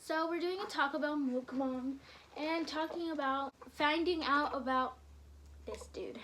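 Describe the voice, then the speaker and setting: A young mother talks through a casual eating vlog in a high, bright voice. She is chatty and giggly, a little emotional at times. The home recording carries a steady layer of noise. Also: unhurried. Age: young adult. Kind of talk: casual chat over a mukbang.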